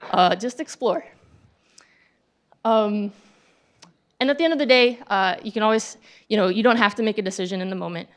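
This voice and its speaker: A woman's voice: mid-range voice, normal speed, long pauses. A woman giving a casual, conversational talk at a tech meetup, acting out sample dialogue with frequent ums and restarts. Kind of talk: casual presentation to an audience. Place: meetup event venue.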